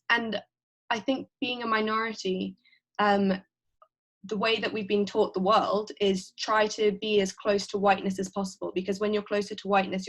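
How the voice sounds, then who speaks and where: Woman thinking out loud on a video call panel, mid-pitched, lots of ums. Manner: reflective, searching for words, many fillers.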